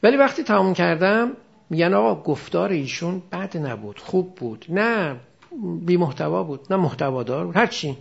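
Gravelly high-voiced man teaching a class. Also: expressive, dull audio. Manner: explains step by step, asks students questions. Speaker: religious studies teacher. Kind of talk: classroom lecture on Quranic Arabic grammar.

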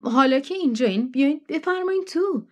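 A woman's voice: high voice, lively intonation, a little mellow, voice pushed up. A woman voicing Joan, a plump, gracious middle-aged farm wife who coaxes her guests indoors. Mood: coaxing. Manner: insistent hospitable coaxing.

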